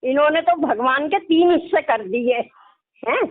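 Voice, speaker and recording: With a high, animated voice at a moderate pace, a middle-aged caller who is a religious devotee chats casually over the phone. She complains as she goes and punctuates her phrases with little questions, all over a tinny, narrow line.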